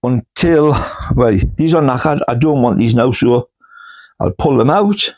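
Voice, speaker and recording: In his cool indoor grow room, a man who hosts a gardening channel rambles casually as he pots plants, homely and full of fillers, hiccuping now and then. He speaks unhurriedly in a medium-pitched, slightly mellow voice.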